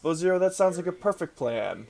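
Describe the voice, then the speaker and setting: A man's voice: sits high, big pitch swings, brisk, gravelly, darkish tone. A man running a tabletop game as dungeon master, joking and laughing often as he talks on a computer mic.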